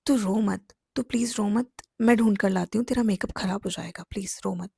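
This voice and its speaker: A woman's voice: medium pitch, a little fast, gravelly, warm tone, husky, no room sound. A woman reading the lines of a caring young female best friend in a storybook romance. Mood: soothing.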